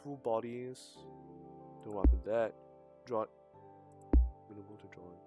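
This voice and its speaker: A man streams a visual novel live, with game music playing behind him. His lowish voice moves at a moderate pace through hesitant, rambling asides that often fade into a mumble.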